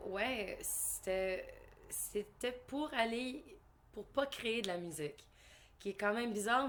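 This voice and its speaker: A singer-songwriter with a Canadian French accent casually answers interview questions in a mid-range voice, with slight background noise. She hesitates often, fills pauses, restarts sentences and slips English words into her French.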